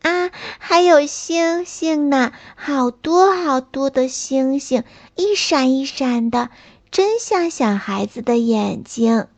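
A woman's voice: high voice, takes it slowly, voice pushed up. A woman voicing a small, timid little snail who cries easily, with a childlike, wondering way of talking. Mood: delighted.

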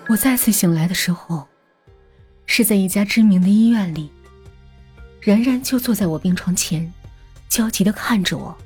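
A woman narrating an audio story in a soft, unhurried storytelling manner. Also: medium pitch, faint music behind.

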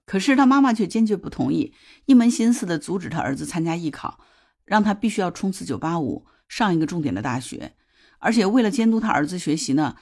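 A woman's voice: lowish voice, darkish tone. A woman hosting a parenting advice podcast. She talks in a conversational way and often puts questions to her listeners. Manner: tells a story from a TV drama in detail. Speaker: podcast host.

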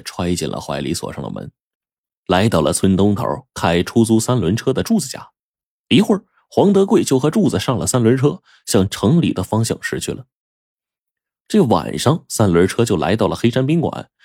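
Male oral storyteller, low and lively, talks straight to the listener, dry close recording. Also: slightly rough, no room sound. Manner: lively, chatty, addresses listeners with asides.

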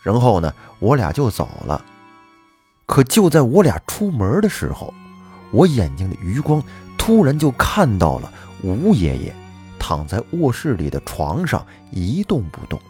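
A man's voice: medium pitch, measured pace, soft background music. A man hosting a folk-tale show, narrating a story dramatically and expressively. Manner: lively, expressive, acting out quoted voices. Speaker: storyteller host.

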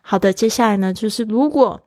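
A woman teaching English vocabulary in a bilingual lesson, slowing down to spell words out letter by letter. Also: mid-range voice, a little mellow, no echo, clean studio sound.

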